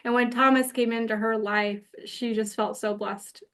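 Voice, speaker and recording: A woman's voice: a little high, fairly even intonation, moderate pace, crowd noise. A woman in her thirties chatting on a video call, telling family stories with laughter. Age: 30s. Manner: chatty storyteller, laughs while recalling. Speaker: organizer of a memorial call. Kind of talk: casual reminiscing on a video call.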